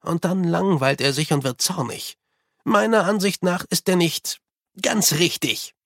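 Senior monk in an audiobook, brisk and explaining, dry close sound , read by the narrator. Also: medium pitch, a bit bright, no room sound. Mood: grumbling. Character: senior monk, matter-of-fact reporter.

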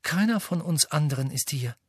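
A man's voice: on the high side, expressive, normal speed, fairly bright tone, slightly rough, no echo, pitched above the performer's own voice. A man voicing an earnest teenage boy hero in an audiobook, with clipped, urgent questions.

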